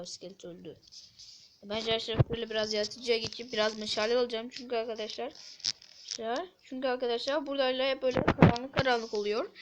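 Chatty woman gamer-host, casual commentary, higher voice, faint noise. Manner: chatty, addresses viewers, muttering asides. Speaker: gameplay video host.

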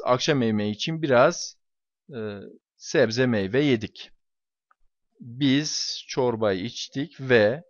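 A man's voice: mid-range voice, no room sound, highs cut off. A man teaching English to his students, explaining exam questions and stressing points by repeating key words.

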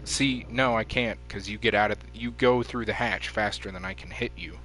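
Man, gaming streamer, headset mic, playful trash talk, somewhat low pitch, forceful bright tone. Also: fairly even intonation, moderate pace, slight background noise, low-quality recording. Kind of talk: casual gameplay chat.

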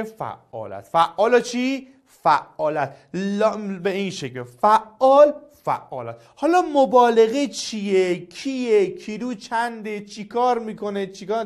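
A male teacher giving a classroom grammar lesson, coaxing and quizzing his students in a lively way. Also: high voice.

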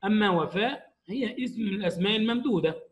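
A man teaching an Arabic grammar lesson to young pupils, explaining slowly and stressing each example word. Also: sits high, low-quality recording.

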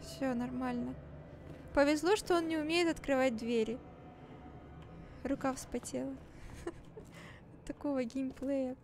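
A woman live-streaming a horror game in casual, excitable commentary, with the cute manner of an anime streamer. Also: sits high, slow pace, long pauses, noisy background.

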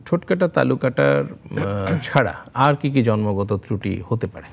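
Man, tv host, gravelly voice, formal intros, short questions. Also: medium pitch, animated, moderate pace. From Bangladesh. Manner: formal introduction, brief acknowledgements. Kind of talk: studio health interview. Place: TV studio.

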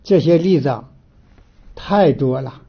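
A man from Northeast China with a Northeastern Mandarin accent, giving a folksy moral lecture in an animated storytelling way, often restarting with fillers. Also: fairly high pitch, a little slow, gravelly, slightly rough. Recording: dull lo-fi recording.

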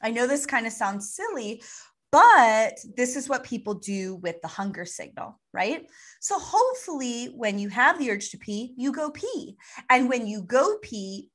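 A woman's voice: a little high, fairly bright tone. A woman co-hosting a podcast who explains ideas playfully with vivid analogies. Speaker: podcast co-host. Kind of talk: casual explanatory chat.

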